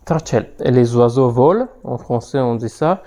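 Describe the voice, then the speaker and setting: A man's voice: medium pitch, animated, moderate pace, mellow. A man teaching vocabulary in an online lesson, patiently repeating words for learners to echo. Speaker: language teacher.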